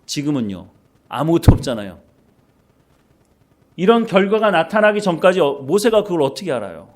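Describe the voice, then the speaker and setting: A man's voice: on the high side, very animated, moderate pace, a little mellow. A male pastor giving a sermon in a conversational style, reading scripture and asking his listeners many rhetorical questions.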